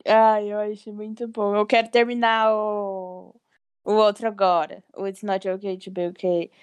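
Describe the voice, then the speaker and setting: A woman's voice: mid-range voice, unhurried, clear, resonant tone, no echo. A young woman co-hosting a podcast, chatting casually with lots of exclamations. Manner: exclamatory, animated. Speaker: podcast co-host. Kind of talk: casual chat.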